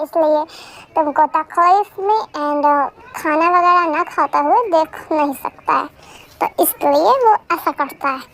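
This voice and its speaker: A woman voicing a caring young woman who calmly explains and reassures in a fan audio drama. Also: sits high, full character voice. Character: caring young woman, older sister type.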